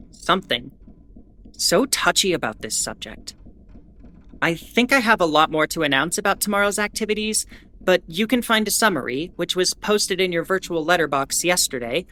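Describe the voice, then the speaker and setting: A woman playing a starship captain who gives formal, measured bulletins with dry asides in an audio drama. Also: fairly low pitch, sharp tone. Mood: wry. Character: female starship captain reading an official ship bulletin. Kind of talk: scripted in-character announcement, audio drama.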